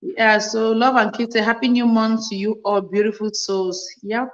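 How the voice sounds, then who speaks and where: A woman's voice: a little high, little pitch movement, moderate pace, reverberant, dull audio, a little hiss or hum. A woman hosting a casual livestream chat, reading viewer comments aloud and answering them earnestly, often repeating phrases for emphasis. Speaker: livestream host.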